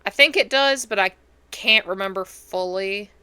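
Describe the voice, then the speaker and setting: A hoarse, congested woman hosting a movie reaction, chatting casually and talking back at the screen with sass. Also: medium pitch, normal speed, pushed and bright.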